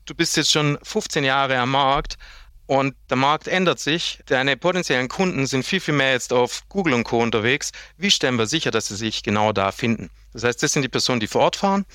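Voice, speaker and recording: A man's voice: mid-range voice, a little fast, clear, resonant tone, dry recording, studio quality. A man in his thirties from Germany, a sales director chatting as an interview guest and explaining his work at length, acting out what clients say. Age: 30s. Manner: lively, explains at length with acted-out client quotes. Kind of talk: casual interview chat.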